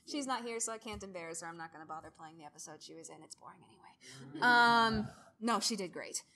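A woman in her early twenties, a student audio drama creator, gives an informal presentation in a bright, forceful mid-range voice. She talks quickly with lively intonation, rambling and poking fun at herself.

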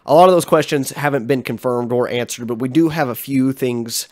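A man's voice: medium pitch, a little fast, darkish tone. A young man with a stuffy, congested voice, talking through a casual commentary vlog as its host, chatty and frank with many ums and uhs. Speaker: channel host.

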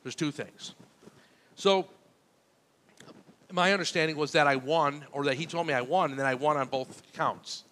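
Bright-voiced pastor telling a story. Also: male voice, a little high, normal speed, pauses often. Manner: conversational storytelling, recounting dialogue. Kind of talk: sermon. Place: church.

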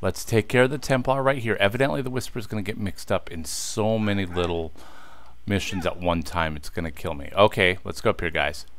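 Brisk and deep-voiced with a fairly bright tone, this thirty-something let's play host talks straight to his viewers as he plays. His gameplay commentary is casual, and he's quick to get frustrated.

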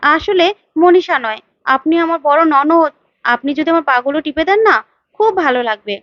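A woman reads out a scheming young wife who coaxes and wheedles to get her way. The voice is high-pitched, dry and slightly dull. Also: expressive, normal speed, no room sound. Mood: wheedling. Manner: wheedling, coaxing.

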